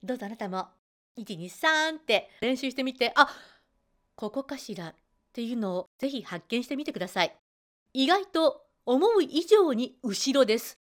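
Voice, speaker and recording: A woman's voice: high voice, big pitch swings, normal speed. A woman voice trainer giving a chatty spoken self-help talk, acting out her students as she goes. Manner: chatty, acts out quoted students.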